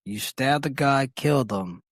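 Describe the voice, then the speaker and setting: A man co-hosts a casual podcast in a mid-pitched voice, often restarting his sentences as he thinks aloud. His remarks have a wry edge, and he is recorded close and dry. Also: a little slow, dry recording. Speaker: podcast co-host.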